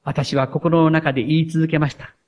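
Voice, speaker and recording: A pastor giving a sermon, reading a story aloud in an earnest, measured way. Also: male voice, on the high side, little pitch movement, a little mellow, slight background noise.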